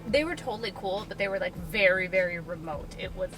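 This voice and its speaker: A woman's voice: mid-range voice, a little fast. A woman from the United States chatting casually as a travel vlogger. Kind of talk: casual travel vlog chat. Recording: distant mic, music, vehicle vlog audio.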